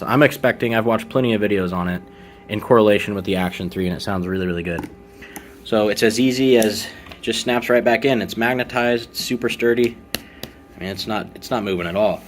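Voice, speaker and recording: Male motovlogger, lowish pitch, casual explanatory product walkthrough, slight background noise. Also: fairly bright tone. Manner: informal, conversational explaining. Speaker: motovlogger presenting gear.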